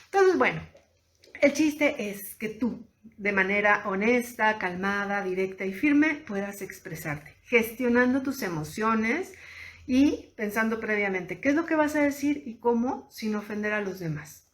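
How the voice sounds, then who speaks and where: Woman therapist chatting thru a lesson, middle-pitched voice, keeps asking the viewer stuff. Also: lively intonation, unhurried. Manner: conversational, addresses listeners directly with questions. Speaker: thanatologist and therapist. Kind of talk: informal teaching talk to camera.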